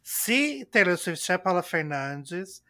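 A man's voice: high voice, sing-song, takes it slowly, bright, forceful tone. A man with a Pernambuco accent from Recife, a podcast guest chatting casually and joking. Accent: Pernambuco Portuguese. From Recife, Brazil. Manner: playful, joking. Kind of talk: casual chat.

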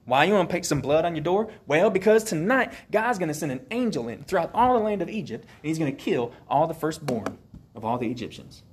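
A man playing Moses as a folksy leader with an Alabama accent, speaking slowly and pleading with his people in a sermon role-play. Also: fairly high pitch, very animated, a little hiss or hum. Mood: urgent. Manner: slow, drawling, pleading with the crowd.

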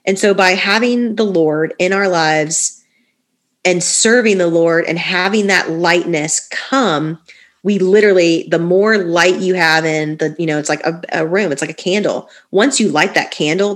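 A woman's voice: fairly low pitch, normal speed. A young woman talking earnestly in a casual podcast conversation, leaning on "like" fillers and repeating phrases for emphasis. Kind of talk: casual podcast talk about faith and healing.

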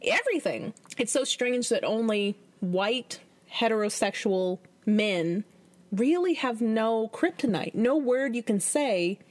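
A woman from Virginia co-hosting a podcast, chatting casually, animated and laughing, with free swearing. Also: a little high, takes it slowly. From Virginia, USA. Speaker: podcast co-host. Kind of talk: casual chat.

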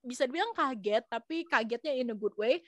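A woman's voice: on the high side, animated, fairly quick, no echo. Chatty young woman telling stories. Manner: chatty storytelling in slang, acting out quoted voices. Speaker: guest sharing experiences abroad. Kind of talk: casual chat.

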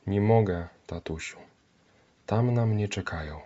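A brave, tender young woman soldier, read by a deep-voiced man. The lines come slowly and steadily, and the recording sounds dull and lo-fi. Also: mellow, lightly acted. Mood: gentle. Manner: lightly voiced by the narrator.

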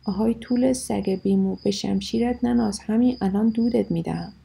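A woman reading the lines of a hardened, fierce middle-aged Cossack chieftain in a gruff, commanding way. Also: medium pitch, warm tone, rough recording. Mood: taunting.

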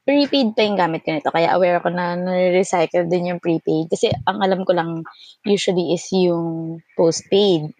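A woman from Cavite in her late twenties, co-hosting a podcast and chatting casually, who tells stories in an animated way and acts out what people said. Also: moderate pace, no echo, dull audio. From Philippines, Cavite. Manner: animated storyteller, acts out quotes with sharp pitch jumps and laughs. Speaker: podcast co-host. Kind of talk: casual chat, Taglish storytelling.

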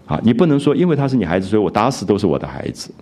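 An older man giving a conversational literature lecture, often adding a drawn-out "ah" and restarting phrases. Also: on the low side, very animated, dark tone. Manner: conversational, frequent filler "啊" and restarts, quotes characters in raised voice.

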